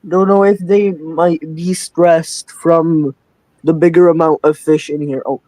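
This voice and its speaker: A young Czech man calls into a live stream for a casual chat, speaking slowly and hesitantly with many fillers and restarts while asking questions. His voice is on the high side, steady and mellow, in a rough recording with no room sound.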